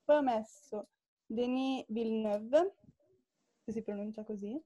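A young woman chatting casually about her favourite directors, chatty and self-deprecating with quick asides. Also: on the high side, dark tone. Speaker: podcast co-host. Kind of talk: casual film chat.

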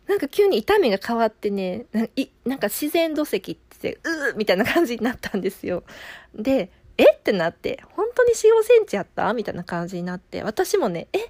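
A woman's voice: a little high, no room sound. A woman with a Kansai accent, a midwife casually telling her own birth story and acting out her inner thoughts. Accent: Kansai Japanese.

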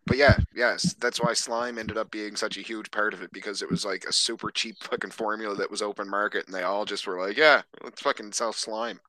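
A man's voice: on the low side, fairly even intonation, a little fast, hardly any pauses, sharp tone, dry recording, poor audio. A man co-hosting a podcast, chatting loosely about movies and swearing often. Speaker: podcast co-host. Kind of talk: casual chat.

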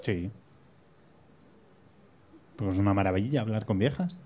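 A man's voice: lowish voice, unhurried, dark tone, a little hiss or hum. A man guesting on a comedy show, talking casually and telling a small anecdote. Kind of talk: casual chat.

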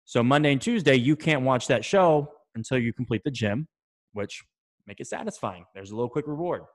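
A man's voice: mid-range voice, expressive, fairly quick. A young man talking casually to camera, giving habit advice, loose and chatty, swearing now and then and checking in with "right?" and "okay?". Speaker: self-improvement vlogger.

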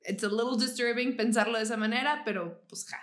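A woman's voice: a little high, fairly quick. Slangy Mexican woman, echoey room. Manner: slangy, swears a lot, mixes in English, animated storytelling. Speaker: podcast co-host. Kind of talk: casual chat.

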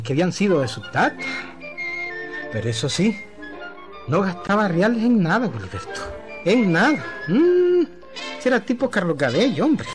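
A man narrating a comic tale in a chatty, folksy radio style, speaking directly to a listener. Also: fairly high pitch.

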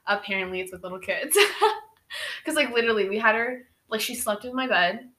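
A woman's voice: on the high side, fairly quick, sharp tone. A young adult woman hosting a podcast, telling a story in a casual, chatty way with lots of fillers. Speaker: podcast host. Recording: roomy echo.

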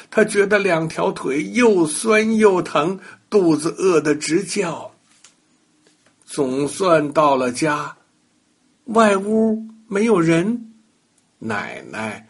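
An older man narrating a bedtime story for children, talking lively and speaking directly to the young listeners. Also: fairly high pitch, husky.

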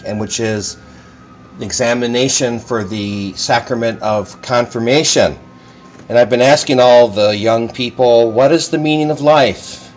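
A man's voice: mid-range voice, darkish tone, slight background noise. Male priest preaching, slightly dull recording. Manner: addresses a congregation. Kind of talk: sermon with scripture reading.

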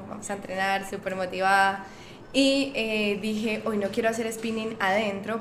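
A woman guest on a casual podcast, telling her side of a story in a relaxed, chatty way. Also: mid-range voice. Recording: echoey room, faint background noise.

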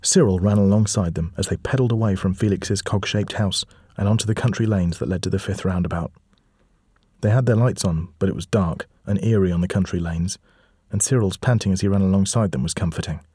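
A man narrating a children's storybook aloud, reading steadily and lively. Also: deep voice, husky, no echo, studio quality.

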